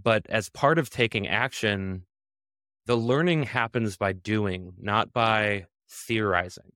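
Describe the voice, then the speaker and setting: A man's voice: on the low side, slow pace, fairly bright tone, clear, resonant tone, no room sound, studio quality. A man hosting a casual podcast, upbeat and chatty, often laughing as he talks. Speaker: podcast host.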